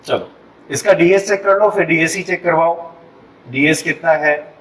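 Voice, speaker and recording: A man with an Indian accent delivers a civil engineering lecture, moving between Hindi and English and regularly asking if the class is following. His voice sits on the high side and a bit bright, at a measured pace. The low-quality recording has an echoey room, a far-off mic, and a little hiss or hum.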